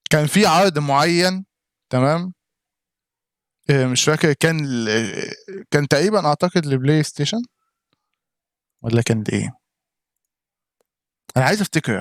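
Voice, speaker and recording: A man's voice: on the high side, dry recording, studio quality. A man with an Egyptian Arabic accent giving casual reaction commentary on a gaming live stream, chatting straight to viewers in chat by name.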